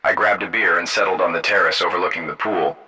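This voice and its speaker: A man narrating a first-person story in a steady, measured way. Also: deep voice, rough recording.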